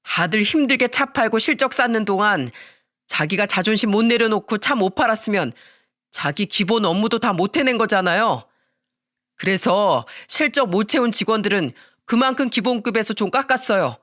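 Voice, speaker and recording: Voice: medium pitch, expressive, normal speed, fairly bright tone, dry recording, studio quality, natural voice. A narrator voicing a self-justifying young husband who argues with his wife and father. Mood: defiant. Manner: pleading then defiant.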